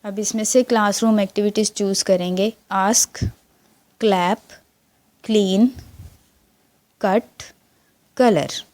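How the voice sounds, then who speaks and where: Woman teacher, Pakistani accent, unhurried delivery, soft warm tone, bilingual lesson. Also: medium pitch, fairly even intonation. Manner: reads English lines slowly, then explains in Urdu.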